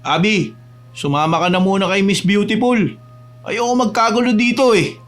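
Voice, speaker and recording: A woman's voice: mid-range voice, fairly even intonation, moderate pace, faint music behind, lightly acted. A woman voicing a cocky young man, a troublemaking friend, who talks in a brash, dismissive way.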